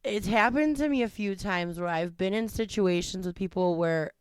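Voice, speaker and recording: A woman's voice: medium pitch, moderate pace, clear, resonant tone, dry recording, clean studio sound. A married woman co-hosting a casual podcast, chatting bluntly about things she hates. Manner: chatty, blunt, laughs easily. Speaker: podcast co-host.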